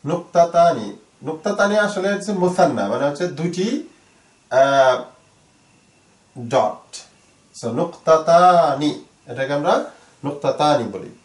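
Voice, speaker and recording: A man teaching Arabic grammar in Bengali, explaining slowly with many fillers and repeated words. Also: fairly high pitch, big pitch swings, a little mellow, echoey room.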